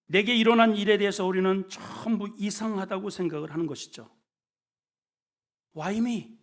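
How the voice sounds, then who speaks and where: A male senior pastor preaching a sermon in a folksy, colloquial way, swinging between hushed and loud, emphatic lines. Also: high-pitched, fairly quick. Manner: folksy, colloquial storytelling with humor.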